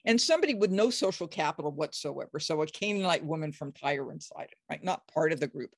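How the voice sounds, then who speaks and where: A biblical scholar, middle-aged or older, talking with enthusiasm and emphasis and breaking into high, acted quotes. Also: lively intonation, quick pace, creaky, no room sound, clean studio sound. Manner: acts out quoted speech with sudden high pitch jumps; emphatic, enthusiastic, frequent restarts. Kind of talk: animated explanatory conversation.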